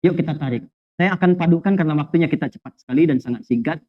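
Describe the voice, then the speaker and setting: A man preaching a lively sermon to a congregation, telling humorous stories, asking rhetorical questions, and weaving in Arabic phrases. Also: a little high, rapid-fire. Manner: animated storytelling with jokes and rhetorical questions. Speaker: Islamic preacher. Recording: dull lo-fi sound.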